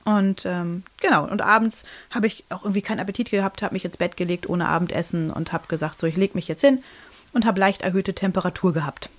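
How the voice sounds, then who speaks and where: With a fast, lowish voice, a woman in her thirties co-hosting a podcast chats casually through a personal story. Fillers and restarts pile up as she acts out other people's lines.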